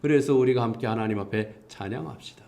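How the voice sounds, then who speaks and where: A man's voice: mid-range voice, fast, creaky, mellow. A male pastor delivering a Sunday sermon, earnest in tone, his voice rising for emphasis and reading scripture aloud. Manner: reads scripture aloud with the congregation.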